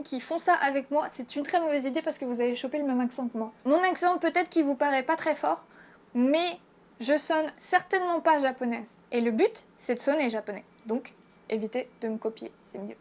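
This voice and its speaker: A young woman with a French accent talks straight to her viewers in a relaxed, chatty lesson. Her voice sits high, and she speaks frankly, with plenty of little fillers and restarts. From France. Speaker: Japanese teacher and YouTuber. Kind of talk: casual video lesson.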